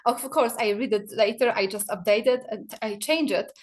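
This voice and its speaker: A board member of a PR association, a woman from Poland, answers questions on an online panel over a video call. Her voice is on the high side at a normal speed, and she uses many fillers and restarts.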